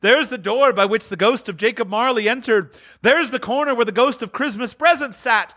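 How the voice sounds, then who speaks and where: A man's voice: on the high side, quick pace, fairly bright tone, pitched above the performer's own voice, close to an everyday voice. A man voicing a reformed old miser in a dramatic storybook reading, exclaiming fervently with emphatic repetitions. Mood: giddy elation. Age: older. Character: reformed old miser, frantic, pleading, then childishly joyful. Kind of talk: dramatic audiobook character reading.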